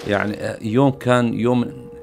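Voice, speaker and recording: A man's voice: medium pitch, steady tone, moderate pace, creaky. A middle-aged man with a Syrian Arabic accent, a podcast guest earnestly recounting memories.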